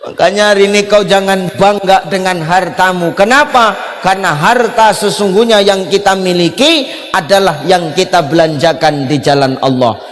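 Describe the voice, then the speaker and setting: Lively high-voiced preacher in echoey hall. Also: male voice, normal speed. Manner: lively, joking, shouts for emphasis. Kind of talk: humorous sermon.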